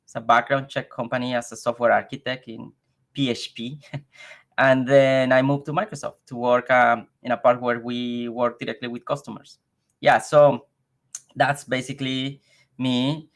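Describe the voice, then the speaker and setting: Man, halting casual guest. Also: mid-range voice, flat delivery. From Mexico. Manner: halting, repeats words, laughs easily. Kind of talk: casual interview chat.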